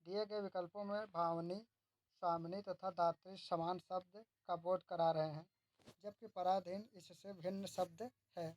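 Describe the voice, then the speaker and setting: A woman's voice: on the low side, fairly even intonation, a little slow, darkish tone, no room sound, low-quality recording. A woman tutor reads exam questions and their options aloud, then gives the answer and explains why. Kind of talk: reading quiz questions and answers.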